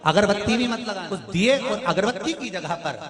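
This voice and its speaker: A man's voice: high voice, animated, normal speed, a crowd in the background. A middle-aged man preaching a devotional sermon, exhorting his listeners and repeating phrases for emphasis. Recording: devotional music playing behind.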